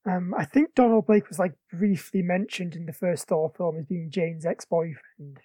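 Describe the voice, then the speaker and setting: A woman's voice: fairly low pitch, moderate pace, dark tone, no echo. A woman co-hosting a casual podcast chat about films, talking eagerly about comics. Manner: enthusiastic comics fan, chatty. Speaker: podcast co-host. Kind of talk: casual film review chat.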